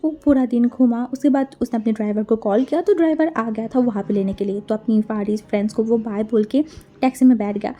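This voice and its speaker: Husky high woman retelling a fan story. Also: a little fast, mellow. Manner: chatty, mixes in English words. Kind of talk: casual fan-fiction retelling.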